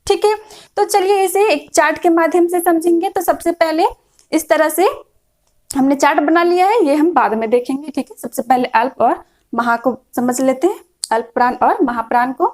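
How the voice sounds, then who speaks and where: A woman teaching a grammar lesson, explaining slowly and repeating each point, often checking whether her students follow. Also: sits high, darkish tone, low-quality recording. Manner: patient, repeats points, checks in with frequent "is that clear". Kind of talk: classroom lecture explaining a chart.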